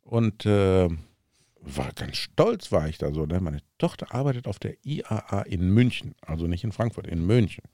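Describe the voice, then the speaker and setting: A middle-aged man with a fairly low voice spins a casual anecdote, chuckling often and checking in with tag questions. The recording is dry, with no room sound. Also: very animated, moderate pace, mellow, dry recording. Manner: chuckling anecdote-teller, tags sentences with "ne". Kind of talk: casual chat.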